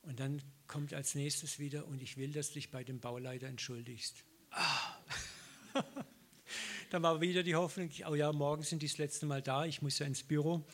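A middle-aged man with a slightly high voice preaches a sermon at a normal pace. He tells personal stories in a lively way, acting out the dialogue and laughing often.

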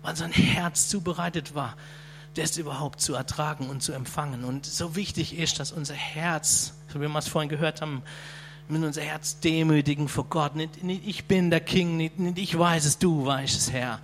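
Chatty higher-voiced male preacher. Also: steady tone, moderate pace, a little hiss or hum. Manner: conversational, with frequent "ja?" to the audience. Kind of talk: sermon.

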